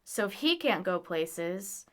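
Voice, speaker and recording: In an audio drama, a woman plays a blunt, pragmatic young traveler who is frank, informal, exasperated yet caring. Her mid-range voice is sing-song and slow, and she sounds firm as she reasons things through.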